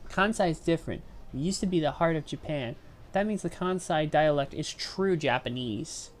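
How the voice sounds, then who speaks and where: A woman reading aloud as a gruff, blunt middle-aged man from Kansai in a video game, in a plain, unhurried delivery. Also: low voice, lively intonation, a little hiss or hum.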